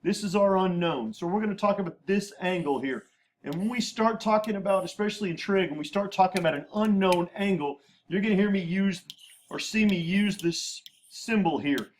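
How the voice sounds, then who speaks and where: A man's voice: high-pitched, moderate pace, a little hiss or hum. A man teaching a lesson at a whiteboard, patiently repeating terms and spelling out abbreviations. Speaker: math teacher. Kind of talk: classroom lecture at a whiteboard.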